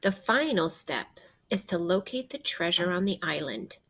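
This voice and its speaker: The speaker is a woman teacher leading young listeners through a children's nonfiction book as an interactive read-aloud. She sounds slightly raspy, her pitch animated, and she guides expressively with questions and pauses.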